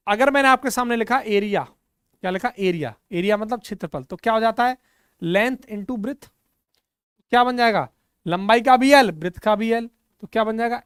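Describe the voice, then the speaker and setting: A man's voice: sits high, smooth, dry recording, clean studio sound. A male physics teacher giving a board lecture, mixing English terms into Hindi and often asking the class if they follow. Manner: repeats questions to the class and answers them himself; mixes English terms with Hindi, frequently checks understanding.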